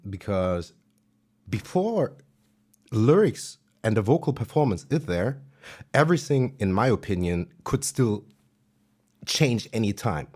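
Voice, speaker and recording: A man with a German accent and a fairly low voice chats casually on a music livestream. He is relaxed and self-deprecating and uses plenty of fillers.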